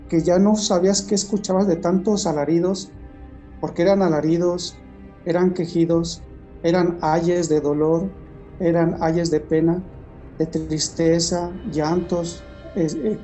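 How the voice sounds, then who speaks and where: A man giving a personal testimony in conversation, telling his story in a halting way with frequent restarts. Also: high-pitched, mellow.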